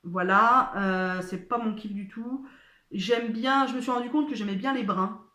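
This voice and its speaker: A woman's voice: mid-range voice, a little slow, pushed and bright. A woman chatting casually as she answers viewer questions, hesitant, with many fillers and restarts. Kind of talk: casual chat. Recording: echoey room.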